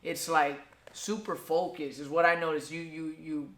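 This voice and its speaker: A man hosts an interview, a boxer asking long, rambling questions. His voice is bright and fairly high, recorded in an echoey room with a faint hiss behind it. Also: steady tone, normal speed.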